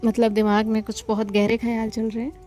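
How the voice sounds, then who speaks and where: A woman's voice: on the high side, level tone, fairly quick, dark tone, soft background music, natural voice. A woman voicing a curious, cheerful sister-in-law who probes with questions.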